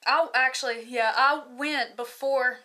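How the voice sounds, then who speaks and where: A woman's voice: high-pitched, fairly even intonation, measured pace, bright, forceful tone. A young woman, telling a personal story in a loose, rambling way, with many fillers. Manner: loose, rambling, many likes and you knows. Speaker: video host. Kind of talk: casual testimony.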